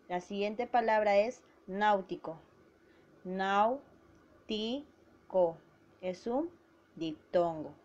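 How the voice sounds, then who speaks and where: A woman teacher giving a grammar lesson to schoolchildren, slowly spelling out syllables. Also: medium pitch, darkish tone. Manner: slow and deliberate, spelling out syllables. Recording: dull lo-fi recording.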